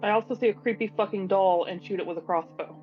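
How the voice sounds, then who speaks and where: A woman's voice: medium pitch, fast. A woman playing a tabletop game on a livestream, talking bluntly and offhandedly, with casual swearing. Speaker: player. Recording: lo-fi stream audio with faint music.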